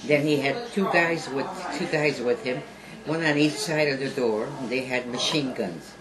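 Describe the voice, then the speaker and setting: A woman in her nineties tells an old memory in a plain, halting way, often repeating a word before she goes on. She was recorded on a home video camera at a family gathering, with people chattering clearly in the background. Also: a bass voice, crowd noise, rough recording. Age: 90s. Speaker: eyewitness being interviewed.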